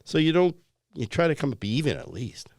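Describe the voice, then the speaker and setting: A man's voice: on the high side, big pitch swings, a little fast, no room sound, studio quality. A man with a New England accent co-hosting comedic banter, ranting with exasperation about everyday phrases. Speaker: co-host.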